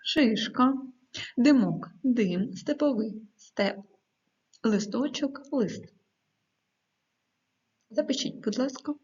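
A woman teacher giving a video lesson to schoolchildren, dictating words slowly and clearly with the odd hesitant filler. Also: a little high, expressive, a little mellow. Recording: dull lo-fi recording.

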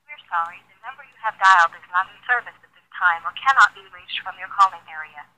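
A woman's voice: fairly low pitch, fast, pushed and bright, low-quality recording. A woman's voice in a prerecorded phone message, heard over a speakerphone with a polite, formal announcing manner. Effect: recorded phone message played over a speakerphone.

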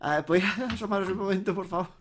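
A man from Spain with a Spanish accent, chatting excitedly while playing a video game with friends, often yelping and shouting in panic. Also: sits high, very fast, noisy background. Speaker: gameplay host. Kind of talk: casual gaming chat.

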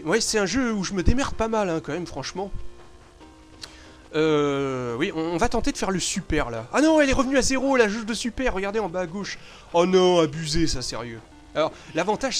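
Man, fairly high voice, live gameplay commentary, excitable, swearing, loud bursts then mutters, faint game music behind.

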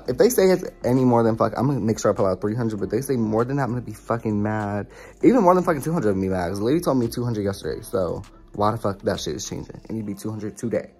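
A young adult woman vlogs in a casual, exasperated rant, swearing freely as she goes. Her voice is rumbling low and warm, with a breathy edge.

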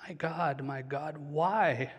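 A man in his thirties preaching a sermon on a large church stage with a headset mic, earnest and slowing down on key phrases. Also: fairly high pitch, breathy edge. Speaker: pastor. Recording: long hall reverb.

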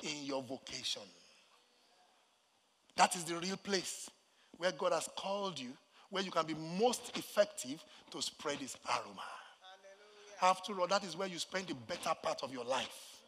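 Nigerian pastor preaching loud n dramatic, bright sharp voice, big echoey church. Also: male voice, fairly high pitch, lively intonation, normal speed, pauses often, husky. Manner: dramatic, swinging from quiet asides to shouted, sing-song preaching. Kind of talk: sermon.

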